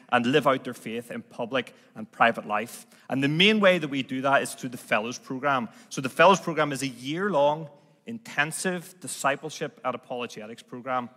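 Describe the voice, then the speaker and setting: Speaking to the congregation as a visiting ministry leader, a man from Northern Ireland stands on the stage of a large indoor church. His medium-pitched voice comes across pushed and bright, echoing with the hall's long reverb.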